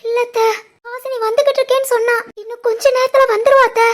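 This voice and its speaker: A woman voicing a timid young daughter-in-law in an animated family drama, meek and pleading, with a Tirunelveli Tamil accent. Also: very high voice, fast talker.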